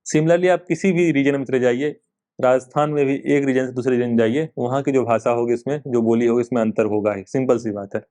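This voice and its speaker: Speaking at a medium pitch with fairly even intonation, this man sounds brisk and warm. He's running an exam coaching class as a laid-back Hindi lecture mixed with English terms, repeating points and leaning on filler words.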